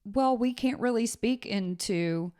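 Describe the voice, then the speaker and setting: A woman's voice: on the high side, unhurried, dark tone. A woman in her thirties co-hosting a parenting podcast in casual chat, earnest and thoughtful, often murmuring agreement. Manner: earnest, thoughtful, with frequent mm-hmms. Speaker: podcast co-host.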